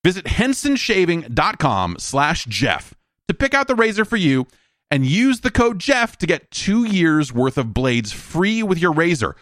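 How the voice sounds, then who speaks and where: Speaking at a measured pace, a man with a fairly high, sing-song, fairly bright voice hosts his own solo podcast. He shifts from rambling, wry, informal commentary into host-read ads. No room sound is audible, and the quality is studio-level.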